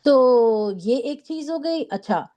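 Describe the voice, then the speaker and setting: A woman teaching a Quran recitation class, patiently drilling syllables slowly and checking in with her students. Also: sits high, expressive, mellow. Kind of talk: online class lesson.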